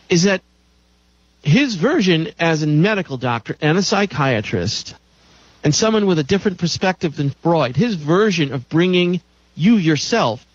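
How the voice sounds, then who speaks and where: A man's voice: fairly high pitch, no echo, dull audio. A man hosting a call-in radio show, lecturing in an emphatic way and repeating phrases for stress.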